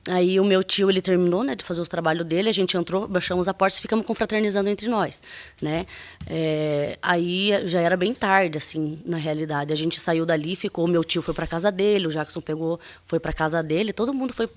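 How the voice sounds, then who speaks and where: A woman giving emotional courtroom testimony, halting and full of restarts. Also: on the low side. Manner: emotional, voice rising as she recounts. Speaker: defendant testifying at a hearing.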